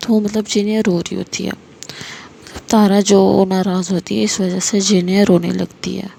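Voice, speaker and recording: A woman's voice: mid-range voice, little pitch movement, normal speed, creaky, dark tone, slight background noise, rough recording. A woman telling a story casually, with many filler words.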